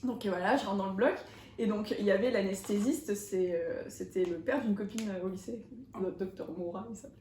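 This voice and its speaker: A woman's voice: mid-range voice, brisk, a little hiss or hum. A woman vlogger in casual chat over a meal, telling stories with bursts of laughter. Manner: lively storyteller, breaks into laughter. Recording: echoey room.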